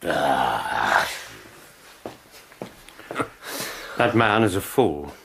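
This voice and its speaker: A man's voice: rumbling low, sing-song, slow, vocal fry, noisy background, full character voice. A man acting a blunt, sceptical British Victorian doctor, a loyal and indignant companion, in a radio drama. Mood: scornful. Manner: blunt, questioning.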